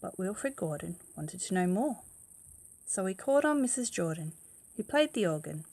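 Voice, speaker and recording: A woman with a medium-pitched, darkish voice reads a children's picture book like a bedtime storyteller. Her delivery is sing-song and moderately paced, leaning expressively on key words as she addresses a young listener, now and then with a question.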